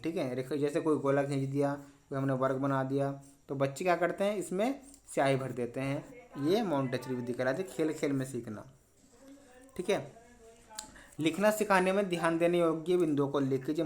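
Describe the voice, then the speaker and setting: Brisk man coaching exam questions. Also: a little high. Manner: brisk, repeats "important" and "ठीक है". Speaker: teacher. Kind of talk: exam revision lesson.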